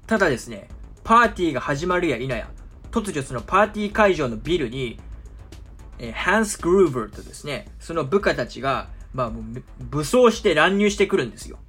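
A man's voice: fairly high pitch, big pitch swings, fairly bright tone, husky, soft background music. A man talking casually to viewers as a film commentator, chatty and full of easygoing asides. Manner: chatty, often drawn-out asides and filler words. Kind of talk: casual explanatory talk to viewers.

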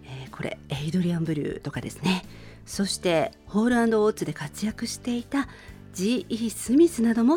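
Introducing a song to listeners, a middle-aged woman presenting a radio show keeps a polite, conversational monologue going over music. She has a mellow, mid-range voice.

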